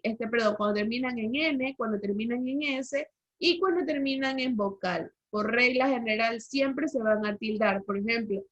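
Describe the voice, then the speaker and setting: A woman teacher giving an online language lesson, explaining rules and quizzing the class with questions over a video call. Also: a little high. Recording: slightly dull lo-fi call audio.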